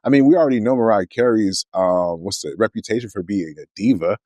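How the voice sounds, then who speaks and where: A man's voice: fairly low pitch, mellow, no room sound. A man in his forties co-hosting a casual podcast chat, thinking aloud in a hesitant, reflective way. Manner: musing, hesitant, reflective, with filler pauses and restarts. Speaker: podcast co-host.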